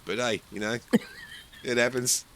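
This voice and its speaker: A man's voice: mid-range voice, steady tone, unhurried, bright, forceful tone, a little hiss or hum. A man casually chatting and joking while playing a multiplayer game with friends, his voice a little off today. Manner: laughs often, jokey. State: voice a bit off. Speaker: streamer, co-host of a multiplayer game. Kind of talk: casual gaming chat.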